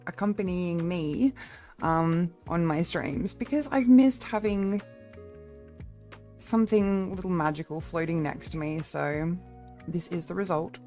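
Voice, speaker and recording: A woman's voice: on the low side, fairly even intonation, a little slow, mellow, faint music behind. A young woman streamer chatting casually with her viewers, rambling and swearing freely.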